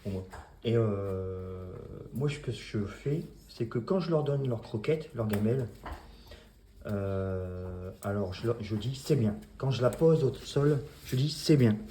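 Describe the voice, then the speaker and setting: A man's voice: on the low side, expressive, a little slow, mellow, echoey room, slight background noise. A man, a dog breeder, talking casually to camera about his puppies, hesitant with many fillers and restarts.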